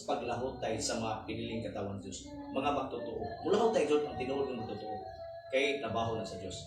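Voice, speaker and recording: A man with a Cebuano accent preaching a sermon, with emphatic rises and drops and English scripture quotes mixed in. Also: a little high. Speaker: pastor. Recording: echoey hall from far off, faint background noise.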